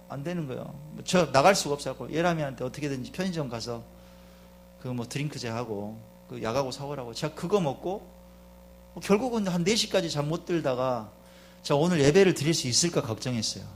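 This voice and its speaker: Man, pastor, Sunday sermon, fairly high voice, chatty, questions the congregation, soft asides to fervent shouts, faint hum behind. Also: lively intonation, a little fast. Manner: swings between quiet confiding asides and loud fervent exhortation. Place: church sanctuary.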